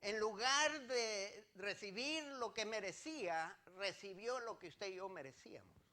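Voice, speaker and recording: A man's voice: sits high, unhurried, pushed and bright. A male pastor preaching a sermon, rising to emphatic declarations and putting direct questions to the congregation.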